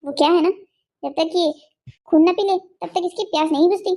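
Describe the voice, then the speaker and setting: A woman's voice: extremely high pitch, moderate pace, warm tone. A woman voicing a swaggering male kidnapper with a sword in a cartoon story, talking in taunting, sneering threats.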